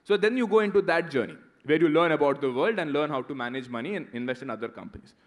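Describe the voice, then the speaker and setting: Chatty Indian man, slightly high voice. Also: animated, quick pace. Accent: Indian English. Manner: conversational, keeps asking "right?". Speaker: guest speaker answering students. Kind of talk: motivational talk and Q&A.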